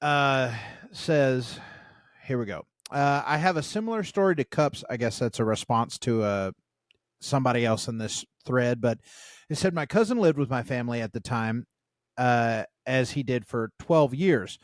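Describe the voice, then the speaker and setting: A man's voice: mid-range voice, normal speed, no room sound. A man co-hosting a casual podcast, reading posts aloud and rambling between laughs. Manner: rambling, laughs often, lively storyteller. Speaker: podcast co-host.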